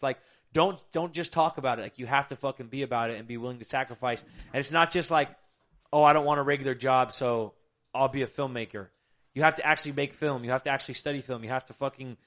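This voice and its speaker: A young adult man hosts a casual podcast chat, talking bluntly and emphatically and swearing a lot. His voice is mid-range with a fairly bright tone.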